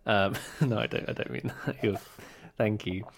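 A man's voice: lowish voice, normal speed, gravelly. A young man co-hosting a podcast, chatting casually in a wry, teasing, rambling way. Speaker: podcast co-host. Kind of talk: casual chat.

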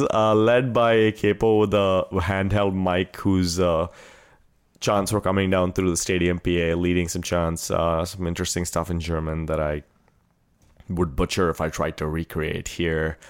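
With a low, clean tone, this American man hosts a podcast and chats informally about a trip he took, recounting it with enthusiasm.

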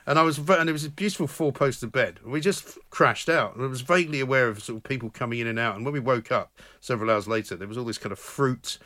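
Man, British accent, podcast co-host, fast-paced, lively storyteller, casual chat. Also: medium pitch. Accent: British English. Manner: lively storyteller, puts on voices in quotes.

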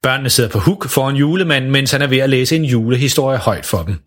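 A Danish man narrating a children's Christmas story with an expressive reading. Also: mid-range voice.

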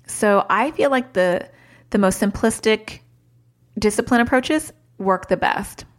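A woman's voice: mid-range voice, unhurried. A woman in her thirties talks through a solo parenting podcast in a loose, chatty way. She drifts off track, leans on filler words, and keeps the advice plain and practical. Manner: chatty, wanders off track, lots of "like" and "super". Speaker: podcast host, child therapist.

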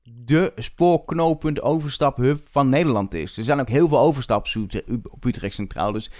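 A man's voice: medium pitch, moderate pace, a little mellow. A man hosting a podcast, chatting casually and musing about ideas. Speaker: podcast host.

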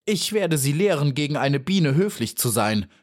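A man's voice: medium pitch, huge pitch swings, normal speed, darkish tone, breathy edge, pitched above the performer's own voice. A man doing a polite, shy little honeybee. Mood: stern. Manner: polite and earnest.

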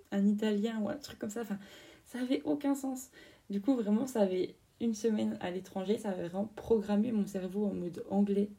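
Gravelly-voiced young woman telling a story. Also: mid-range voice, warm tone, far from the mic. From France. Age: 20s. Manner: chatty, lots of fillers and slang. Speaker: podcast host. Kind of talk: casual storytelling podcast.

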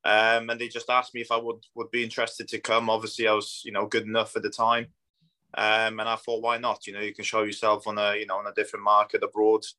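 Speaking fast and monotone, this native Polish speaker from Poland, a footballer in his thirties, answers interview questions in a casual, matter-of-fact manner. His accent mixes Polish with Scandinavian and northwest English, and his voice sits on the low side, bright and forceful.

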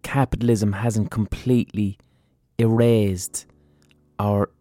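A man's voice: lowish voice, fairly even intonation, slow, dark tone, no room sound. An Irish man hosting a podcast, talking casually and earnestly with some swearing. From Ireland. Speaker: podcast host. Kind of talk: casual spoken podcast introduction and interview.

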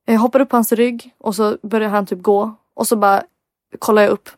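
Young woman telling an animated story. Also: mid-range voice, no room sound, studio quality. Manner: animated storytelling, heavy filler words, acts out quotes. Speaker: podcast co-host. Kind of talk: casual podcast chat.

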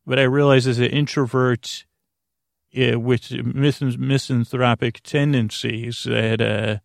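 A podcast host runs a sleep podcast as a rambling, halting monologue, trailing off and cutting himself off with whimsical, self-deprecating humor. His mid-range voice has vocal fry and a level tone, recorded with studio quality and no echo.

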